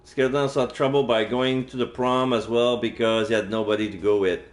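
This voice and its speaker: His mid-range voice stays level and brisk as he reads a visual novel aloud on a livestream, adding jokey, muttered comments. Faint game music drifts beneath the roomy audio.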